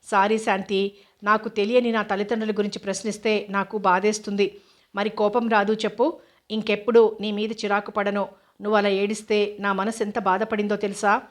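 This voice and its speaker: A woman's voice: medium pitch, little pitch movement, a little fast, close to an everyday voice. A woman reading the lines of a proud, touchy young orphaned man, with short, clipped replies. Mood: gentle.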